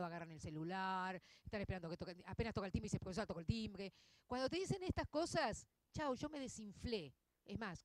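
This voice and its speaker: Argentine woman in her 50s, veteran literature teacher addressing a room, lively and conversational, dry close sound. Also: mid-range voice, dry recording. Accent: Argentine Spanish. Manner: expressive, frequent tag questions "¿no?" and "¿eh?". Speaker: literature teacher giving a public talk. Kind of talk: conversational lecture to an audience.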